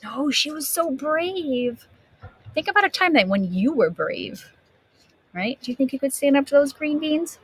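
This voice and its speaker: A faint hiss or hum sits under this high-voiced woman as she reads a picture book to young children. As their teacher, she reads with dramatic gasps and elongated, emphatic words, pausing to put questions to the kids.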